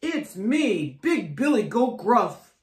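Big billy goat voiced by a woman, bold, cocky, lively voice, echoey room, storybook. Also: mid-range voice, takes it slowly, distant mic.

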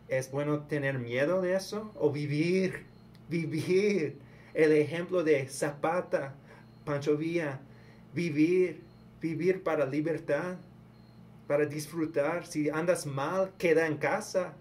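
A man from the United States giving a casual spoken sermon in a halting, preachy way, often repeating his words. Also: on the high side, darkish tone, a little hiss or hum. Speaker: vlogger.

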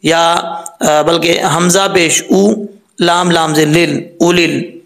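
Slow, gravelly-voiced male Quran teacher. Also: a little high, fairly even intonation, a bit bright. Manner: spells out letters slowly, then recites them in a sung tone. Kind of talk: step-by-step tajweed lesson.

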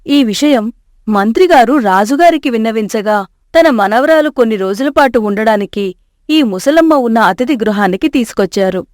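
A woman narrating a scripted storybook tale in a steady, measured way. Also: a little high, no room sound, clean studio sound.

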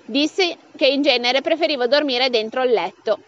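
A woman reading a comic novel aloud as an audiobook, bringing the dialogue to life with raised pitch. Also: normal speed, lo-fi sound. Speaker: audiobook reader.

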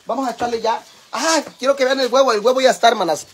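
Mexican man, campy cooking streamer, high voice, teasing and crude with viewers. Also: quick pace, slightly rough. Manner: campy, teasing, foul-mouthed banter with viewers. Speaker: livestream cooking host. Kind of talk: casual cooking livestream chat.

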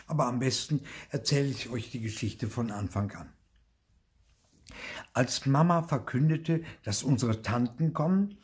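An older man reading a children's story aloud in a slow, lively way, telling it as a boy. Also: mid-range voice. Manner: slow, lively, tells it in a boy's voice. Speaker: storybook reader.

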